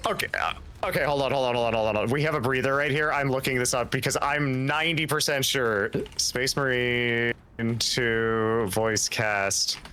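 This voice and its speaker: A man in casual gameplay chat, excitable and given to repeating his phrases, with faint game noise behind him. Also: medium pitch, moderate pace. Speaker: video game streamer.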